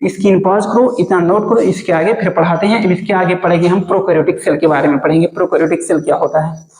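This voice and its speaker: A man's voice: sits high, steady tone, fast, a little mellow, roomy sound, rough recording. A male teacher giving a lesson, asking a question and repeating the answer several times over. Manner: asks a question, then repeats the answer again and again. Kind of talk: biology lesson in Hindi.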